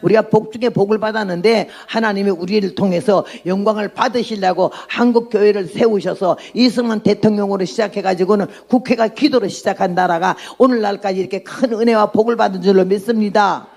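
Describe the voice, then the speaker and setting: Gravelly-voiced woman in her eighties preaching. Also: medium pitch, a little fast, hardly any pauses, a little mellow. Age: 80s. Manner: blunt, emphatic preaching. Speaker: missionary. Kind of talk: testimony sermon.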